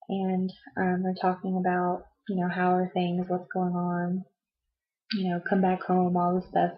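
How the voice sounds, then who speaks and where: Young woman, casual book vlogger, husky flat delivery, muffled home-video sound. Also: fairly low pitch. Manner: chatty, rambling, frequent "um" and "like", laughs at herself. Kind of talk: casual book review chat.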